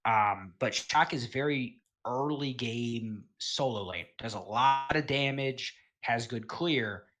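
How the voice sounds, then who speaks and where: A man casually talking through a game tier list, rambling and filling pauses with um and you know. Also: mid-range voice, a bit bright. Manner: laid-back, chuckles between points. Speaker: gaming video host.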